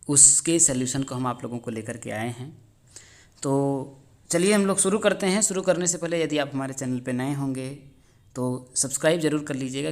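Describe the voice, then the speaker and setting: A man's voice: fairly high pitch, fairly bright tone. A male teacher, walking viewers through exam answers and calling them friends. He keeps asking each answer back as a rhetorical question. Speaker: exam-prep teacher on a video channel. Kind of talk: explaining exam answers step by step.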